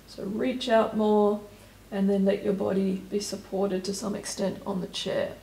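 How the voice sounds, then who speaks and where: A woman stretching instructor giving calm, step-by-step cues and counting down holds. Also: mid-range voice, unhurried, creaky, roomy sound, poor audio. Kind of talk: guided exercise instruction.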